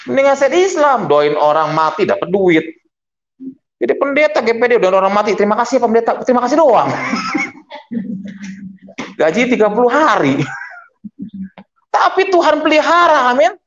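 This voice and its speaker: A middle-aged man preaching as a pastor, telling his conversion story in a lively storytelling manner and acting out the dialogue. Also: extremely high pitch, normal speed, highs cut off, a little hiss or hum. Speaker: pastor giving testimony. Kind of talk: storytelling testimony sermon.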